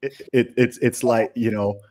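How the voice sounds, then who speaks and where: A man's voice: mid-range voice, normal speed. A man born in the UK and raised in Saudi Arabia, hosting a casual podcast conversation, emphatic and full of rhetorical questions. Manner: animated, emphatic, rhetorical questions, frequent restarts. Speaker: podcast host.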